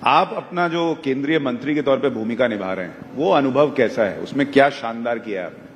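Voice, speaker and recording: A male host from Bihar, mid-pitched, interviewing a guest on stage in front of an audience. He pays compliments and plays with words. His voice has a long hall reverb behind it. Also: animated, fairly quick, a little hiss or hum. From Bihar, India. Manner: complimentary, fond of wordplay. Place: stage event before a live audience.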